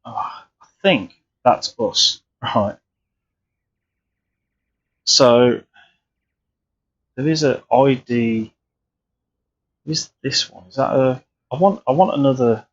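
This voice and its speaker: A man's voice: mid-range voice, slow, long pauses, muffled recording. A man chatting casually and rambling through live flight sim commentary, often restarting his sentences. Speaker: streamer.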